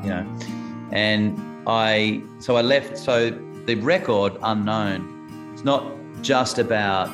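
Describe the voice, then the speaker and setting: An Australian musician in his late thirties, talking reflectively in a rambling interview with many restarts. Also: lowish voice. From Adelaide, South Australia. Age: late 30s. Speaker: musician guest. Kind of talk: casual interview chat.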